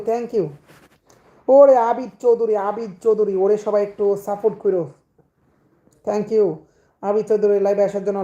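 A hoarse young man, chatting casually with viewers on a live stream and greeting commenters by name. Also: high voice, warm tone. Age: young adult.

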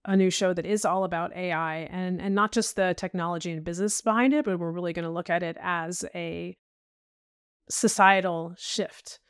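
A woman's voice: lowish voice, steady tone, normal speed, clean tone, no echo, clean studio sound. A middle-aged woman talking casually as a podcast guest, chatty, with frequent restarts and "you know"s. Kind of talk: casual interview chat.

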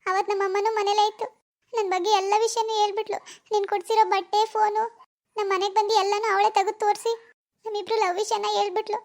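Cartoon teen schoolgirl, voiced by a woman: very high, fast, anxious hushed asides. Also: level tone. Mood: tearful complaint. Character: worried teenage village schoolgirl in love. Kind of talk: cartoon voice acting.

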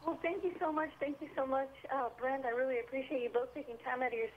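A bubbly woman interviewer speaks fast in a high voice. Her voice comes through a tinny phone line with a faint hiss behind it. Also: steady tone. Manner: bubbly, enthusiastic. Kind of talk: interview hosting.

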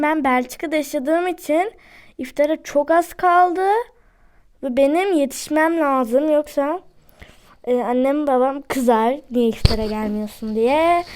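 A woman giving chatty, excitable commentary to her viewers while she plays a game at home. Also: sits high, a little slow. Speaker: gaming YouTuber. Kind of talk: casual gameplay commentary.

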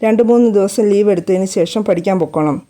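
A woman voicing a kind, joking young husband in a storybook reading, speaking softly and affectionately. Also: high-pitched, fast, natural voice. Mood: tender. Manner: soft, affectionate.

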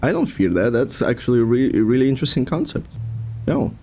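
A man in his thirties doing casual horror game commentary, reading prompts aloud and joking flippantly in halting phrases. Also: medium pitch, very animated, mellow, faint music behind. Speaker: streamer playing a horror game.

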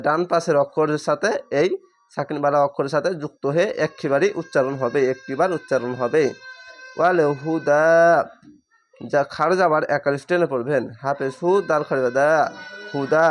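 A man teaching Quran reading, spelling each word letter by letter and then stretching out the whole word slowly. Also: on the high side. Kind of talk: spelling-out recitation lesson.

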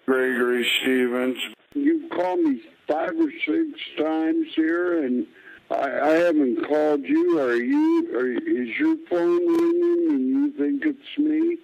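A man's voice: very high voice, very animated, slow pace, gravelly, warm tone, no room sound. A drunk man slurring his words on a recorded phone call, confused, cursing and belligerent. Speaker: bail bondsman. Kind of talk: recorded phone call played back in a prank.

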